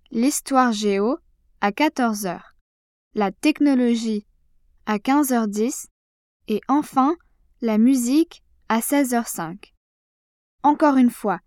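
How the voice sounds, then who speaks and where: Woman leaving a voicemail, unhurried and carefully enunciated, dry close sound. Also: fairly high pitch, darkish tone, no room sound. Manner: slow, carefully enunciated listing. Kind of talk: scripted voicemail for a language lesson.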